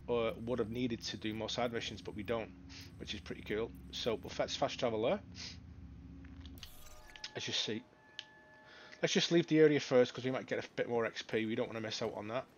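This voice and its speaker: A male gaming streamer giving live gameplay commentary, shouting excitedly in fights and chatty when things are calm. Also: mid-range voice, lo-fi sound, a little hiss or hum.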